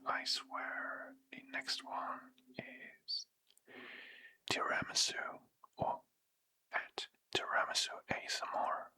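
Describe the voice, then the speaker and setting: Sleepy, slow whispering ASMR creator. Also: low-quality recording. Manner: soft whispering, casual slang, rambling asides. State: sleepy, late at night. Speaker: ASMR creator thanking supporters.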